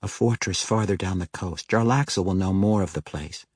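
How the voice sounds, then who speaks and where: Guy doing a sneaky halfling spy, low quiet voice, dry close sound. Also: moderate pace, husky, dry recording. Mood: explaining. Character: clever male halfling spy, wry.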